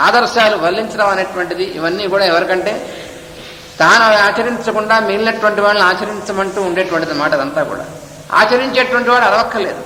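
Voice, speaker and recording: A man giving a spiritual discourse, reading a text and then explaining it, sometimes chanting verses slowly. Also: high voice, bright, forceful tone, echoey room, big-room sound, a little hiss or hum, low-quality recording. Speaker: spiritual teacher. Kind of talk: Gita discourse.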